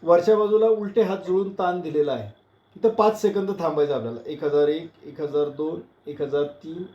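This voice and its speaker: A man leading an online breathing and posture class, counting slowly and giving calm step-by-step cues that drop soft and low. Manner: slow, counting cues, voice dropping soft and low when calming. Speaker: yoga and breathing instructor. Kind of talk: guided breathing exercise instruction. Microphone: video call. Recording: roomy, dull lo-fi online class audio.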